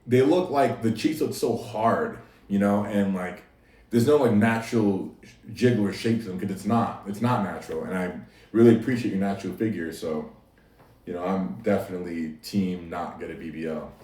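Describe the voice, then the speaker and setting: A man with a deep, dark voice hosts a casual livestream, talking easily to his chat at normal speed and laughing often. He's in an echoey room with the mic at a distance.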